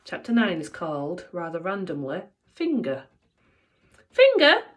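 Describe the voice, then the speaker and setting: A woman teacher reading a children's book aloud with playful, expressive delivery. Her pitch rises and falls a great deal as she tells the story and speaks straight to her young listeners. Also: unhurried.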